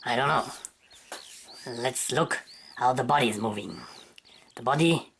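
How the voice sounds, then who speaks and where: A woman with a very deep voice narrates a drawing tutorial at an unhurried pace. She halts and hunts for words in English. She thinks aloud as she sketches, step by step. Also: gravelly, fairly bright tone, slight background noise. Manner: halting, searching for words in English.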